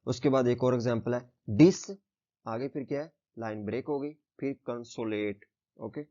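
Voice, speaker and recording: A man's voice: medium pitch, normal speed, warm tone. A male braille teacher explaining rules step by step, patiently checking understanding as he goes. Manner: patient, repeats "theek hai" and "okay" to check understanding. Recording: slightly dull lo-fi sound.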